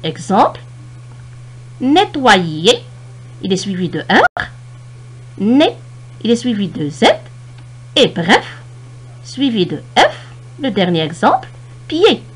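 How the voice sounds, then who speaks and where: Slow, lively woman teaching spelling. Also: medium pitch, husky. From Morocco. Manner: slow, deliberate explanation, stressing and stretching example words. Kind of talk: French spelling lesson.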